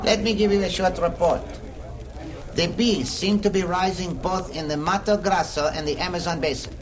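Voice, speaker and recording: A man acting a high-pitched old radio show minister. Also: fairly even intonation, normal speed, lightly acted. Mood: grave. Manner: formal, oratorical. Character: formal male government defense minister addressing a meeting. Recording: crowd murmur behind the speech.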